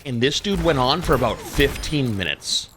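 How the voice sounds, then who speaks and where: A young man streaming a game, telling a story in casual chat with lots of swearing, fillers and animated bursts. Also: medium pitch, normal speed, a little hiss or hum. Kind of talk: casual chat while gaming.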